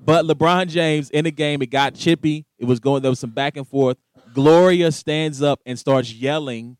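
A man's voice: fairly high pitch, normal speed, clean tone, no echo. A man hosting a casual sports talk show, telling stories with lots of energy and acting out the lines he quotes. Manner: animated storyteller, acts out quoted voices.

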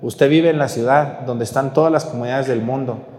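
A man's voice: medium pitch, fairly quick, a little mellow, roomy sound, in a large hall. A man with a Mexican accent preaching a sermon during Mass. He scolds the viewers bluntly and asks many rhetorical questions. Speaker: priest.

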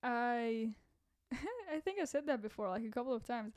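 A woman's voice: a little high, expressive, moderate pace, darkish tone. Chatty young-sounding woman podcaster, cracky voice. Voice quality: voice cracks, a bit rough. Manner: rambling, self-deprecating, laughs at own jokes. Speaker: podcast host and content creator. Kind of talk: casual solo podcast chat.

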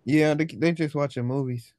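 A man's voice: on the high side, fairly even intonation, normal speed, a little mellow, dry recording. A young man with a lisp, co-hosting a casual podcast chat in a laid-back, joking way. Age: young adult. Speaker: podcast co-host.

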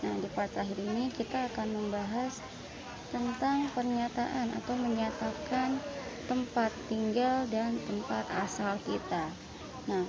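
Woman teaching, gravelly voice. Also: a little high. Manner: patient, repeats and rephrases, frequent "nah" fillers. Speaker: Japanese language teacher. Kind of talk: online lesson explaining sentence patterns. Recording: lo-fi with steady background noise.

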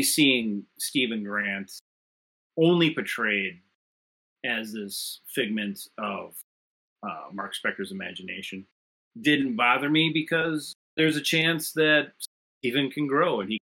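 A man's voice: medium pitch, slow, sharp tone, breathy edge, poor audio. A man on a remote call with a connection that breaks up, making a thoughtful case in a casual panel discussion and building his points through questions. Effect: remote call audio, connection breaking up. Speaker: podcast panelist. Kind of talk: casual pop-culture discussion.

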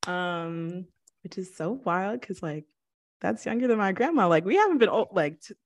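A young woman co-hosting a podcast in casual chat, expressive, laughing often and asking rhetorical questions. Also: on the low side, moderate pace, dry recording. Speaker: podcast co-host.

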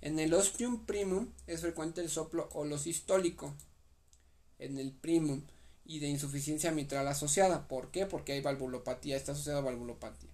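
A man's voice: on the high side, a little fast, a little mellow. A young man with a Mexican accent, reading medical notes aloud and re-explaining them in casual slang during a study session. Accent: Mexican Spanish. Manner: reads guideline text aloud and re-explains it with slang. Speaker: medical exam study partner.

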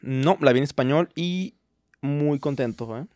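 A young adult podcast co-host with a Mexican accent rambles through a casual chat, joking and playing mock-defensive. His voice is on the high side, a little slow, and darkish. The audio is clean studio sound with no room echo.

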